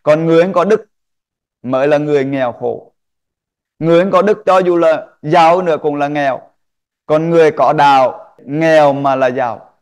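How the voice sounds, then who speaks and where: A man giving a Buddhist Dharma talk to an online group, listing points slowly and asking rhetorical questions. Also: on the high side, clear, resonant tone.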